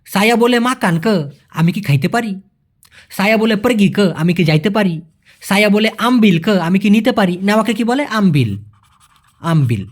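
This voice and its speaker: Guy teaching a language lesson, voice jumps up and down a lot, repeats stuff slowly. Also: high-pitched. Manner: explains patiently, repeats phrases slowly, asks "clear?". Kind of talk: casual spoken language lesson.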